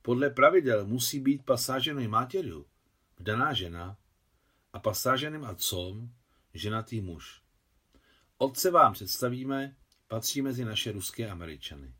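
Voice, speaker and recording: A bearded Orthodox monk lays out church rules in a formal, explanatory tone, read by a man. The delivery is steady and slightly raised against the narration. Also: medium pitch, breathy edge.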